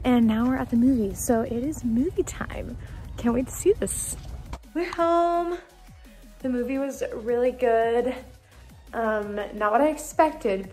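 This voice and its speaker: A young woman in her twenties talks to a camera held at arm's length, chatty and bubbly, with plenty of likes and ums. Her voice sits a little high, and soft music plays faintly underneath. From USA. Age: 20s. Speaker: vlogger. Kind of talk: casual vlog talk to camera. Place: apartment, car and outdoors. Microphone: handheld phone or camera at arm's length.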